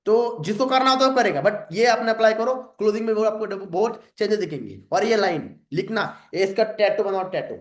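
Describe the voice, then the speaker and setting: A man's voice: high voice, lively intonation, brisk, few pauses, roomy sound. A man mentoring a sales team in an informal coaching talk, direct and lecturing, often acting out sample phone calls.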